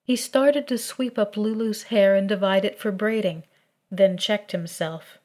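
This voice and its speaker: A woman reading a fan fiction story aloud. She narrates slowly, in a steady and measured way. Her voice sits at a middle pitch.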